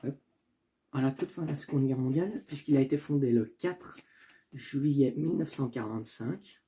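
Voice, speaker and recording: A young man casually hosts a football video by himself, speaking at a normal speed in a warm, medium-pitched voice. His delivery follows his thoughts, full of restarts and self-corrections, and he apologizes when he trips over names.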